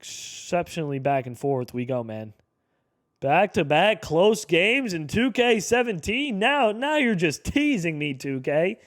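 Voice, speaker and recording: Young gaming YouTuber, a man in his twenties, slightly high voice, casual play-by-play with excited outbursts. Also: measured pace, dry recording, clean studio sound. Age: 20s. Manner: excitable, calls plays aloud with sudden shouts. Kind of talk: casual play-by-play game commentary.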